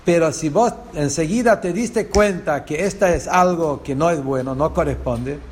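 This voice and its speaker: A man with a Rioplatense Spanish accent teaches a class on a religious text, explaining step by step and posing rhetorical questions. His voice is on the high side, his pace moderate, and there's a little hiss or hum.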